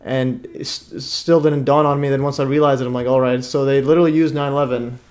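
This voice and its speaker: Tired livestream host guy, mid pitched, rambles, lots of uh and restarts. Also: little pitch movement, quick pace, darkish tone. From Iraq. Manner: rambling, many fillers and restarts. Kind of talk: casual livestream chat.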